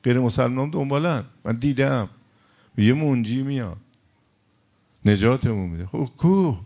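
A man preaching a sermon, passionate, moving between loud outbursts and hushed storytelling. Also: medium pitch.

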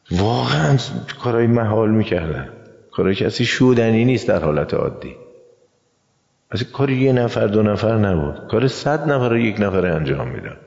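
Deep, gravelly older preacher in a reverberant hall. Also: male voice, darkish tone. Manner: folksy storyteller who acts out the voices in his tales. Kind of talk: colloquial sermon with storytelling. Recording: dull lo-fi sound with long hall reverb.

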